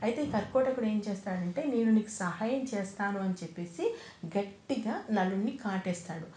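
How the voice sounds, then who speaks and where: A woman's voice: medium pitch, lively intonation, moderate pace, mellow, roomy sound, slight background noise. A woman retelling an old epic story in a casual, conversational way, quoting the characters in plain everyday speech.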